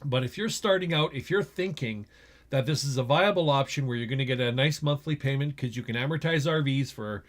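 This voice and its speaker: A man's voice: medium pitch, brisk. A middle-aged man with a Western Canadian accent, talking casually and with opinions in an explanatory vlog, checking in with the listener as he goes, recorded indoors in a small space. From Edmonton, Alberta, Canada. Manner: conversational, opinionated, often asks "okay?" and "right?". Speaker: vlogger, RV store general manager.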